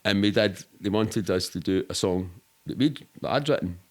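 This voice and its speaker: Speaking in a fairly low voice at a normal pace, a middle-aged Scottish man is a guest in a casual interview. He rambles through anecdotes in everyday colloquial language, swearing now and then.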